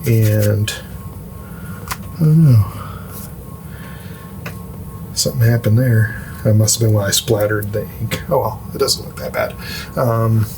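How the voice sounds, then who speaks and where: A man hosting an art channel, talking casually in a hushed, lowered voice as if quiet at night, with a gravelly creak, giving a sketchbook tour.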